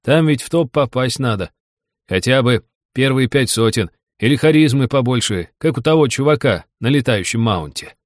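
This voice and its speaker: A man's voice: mid-range voice, lively intonation, moderate pace, no room sound, studio quality, voice pushed up, lightly acted. A man voicing a talkative, hungover male gamer buddy who gripes about money, in an audiobook. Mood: grumbling.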